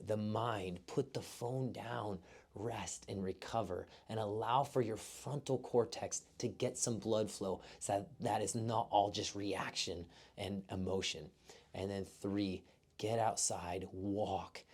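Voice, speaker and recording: A man, a physical therapist, giving an earnest, heartfelt motivational talk to his clients, urging them warmly. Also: lowish voice. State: emotional at moments. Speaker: physical therapist and gym owner.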